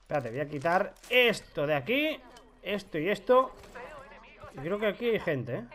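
A man with a Spanish accent from Spain, commenting on his own gameplay, excitable with loud outbursts and self-mocking asides. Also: sits high, moderate pace. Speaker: gaming YouTuber.

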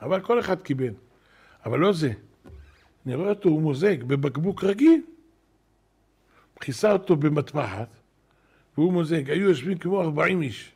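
An older man, a rabbi, telling wonder stories in a sermon at a synagogue, animated, acting out what people said. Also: on the high side, gravelly, long pauses, husky. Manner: animated storyteller, acting out quoted shouts. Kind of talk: storytelling sermon.

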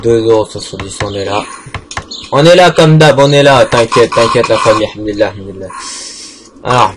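A man's voice: fairly low pitch, a little fast, noisy background. A man giving casual, joking commentary while playing a game, talking back to in-game characters and swearing often. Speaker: gaming channel host.

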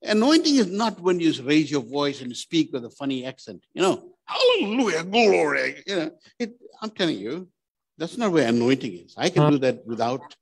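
A man's voice: fairly high pitch, big pitch swings, fairly quick, a little mellow, husky. A man preaching a sermon as pastor, plain-spoken and earnest, putting direct questions to the congregation. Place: church.

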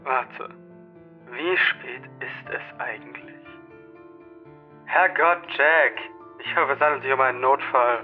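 Grumpy deputy, played by a man, snapped over a phone line; curt and dismissive, soft music behind. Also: mid-range voice, steady tone, unhurried. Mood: irritated. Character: grumpy male deputy woken at night.

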